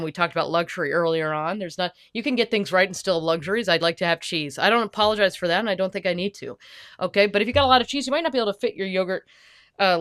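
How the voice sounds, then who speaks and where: Woman as a perfectionist character, fussy, emphatic, lecturing, lowish voice, dry close podcast mic. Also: fairly bright tone, dry recording, natural voice. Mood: fussy instruction. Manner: fussy, emphatic, lecturing, quick to get heated. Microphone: podcast microphone.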